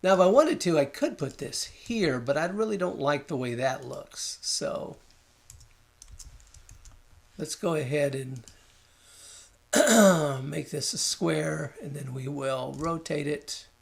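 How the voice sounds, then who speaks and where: A man talking through a design software tutorial, thinking aloud and muttering at the program as he works, with keyboard and mouse clicks behind him. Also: a little high, lively intonation, slow pace, gravelly, long pauses. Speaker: design instructor. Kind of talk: screen-recorded software tutorial.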